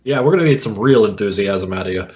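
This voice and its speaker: Brief: male podcast co-host, dry teasing humor, deep-ish voice, lo-fi sound. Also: animated, fast talker, darkish tone. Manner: wry, teasing. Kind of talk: casual podcast chat. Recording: dull lo-fi recording, faint noise.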